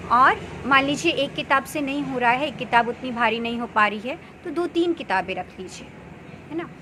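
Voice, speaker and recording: A woman in her thirties, a meditation practitioner, earnestly explaining a practice in unhurried casual talk with pauses and fillers. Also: high-pitched, background noise. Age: 30s. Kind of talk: casual spoken advice.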